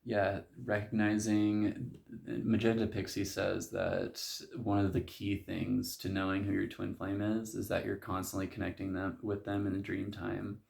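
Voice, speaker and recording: A young man talks through a loose, rambling spiritual monologue for his vlog, leaning on filler words as he goes. His voice sits low with a gravelly fry and stays flat in tone. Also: measured pace. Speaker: vlogger.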